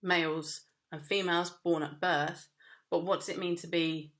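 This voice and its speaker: A woman's voice: fairly low pitch, fairly even intonation, normal speed, fairly bright tone. A woman teaching a media studies lesson, explaining casually with frequent fillers and restarts. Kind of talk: recorded lesson.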